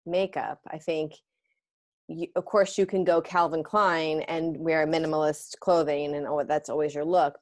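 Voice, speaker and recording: A woman in her fifties hosting a casual video call about fashion, chatty and rambling, often trailing off mid-sentence. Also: deep voice. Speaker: host.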